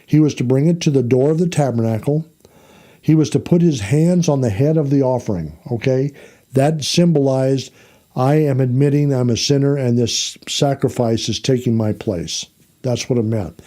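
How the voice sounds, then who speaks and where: Man, very dark mellow voice, conversational Bible lesson, plain explanations, fillers and self-corrections. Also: medium pitch, normal speed. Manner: explains plainly, checks in with the class by asking "okay?" and "all right?". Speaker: Bible teacher.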